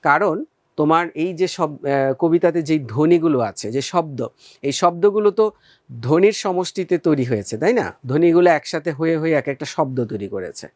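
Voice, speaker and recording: A man's voice: on the high side, animated, normal speed, a little mellow, dry recording. A middle-aged man teaching a poetry lesson. He explains patiently, calls his students friends, and asks rhetorical questions. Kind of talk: classroom lesson on a poem.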